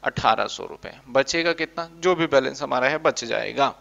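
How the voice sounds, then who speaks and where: A man's voice: medium pitch, normal speed, vocal fry, a bit bright. A man teaching an accounting class in a playful way, acting out his students' questions. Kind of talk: classroom lecture. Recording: dull lo-fi recording.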